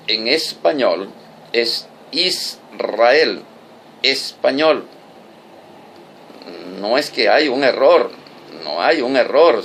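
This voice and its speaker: Slow, deliberate preacher man. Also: fairly low pitch, slight background noise. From Venezuela. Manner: slow, deliberate, repeats phrases for emphasis. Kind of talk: recorded Bible study teaching.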